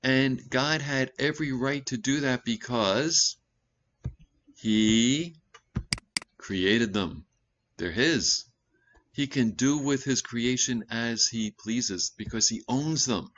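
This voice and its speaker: A male pastor giving a conversational sermon, breaking into loud emphatic bursts and correcting himself as he goes. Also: mid-range voice, slow, muffled recording. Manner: animated preaching with sudden loud emphatic bursts; conversational asides and self-corrections.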